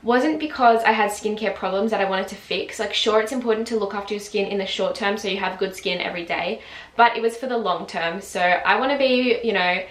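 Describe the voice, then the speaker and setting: A twenty-year-old beauty vlogger, just woken up at home, chats casually to camera about her routine, using plenty of filler words. Her voice is medium-pitched and a little quick, and the room has an echoey sound.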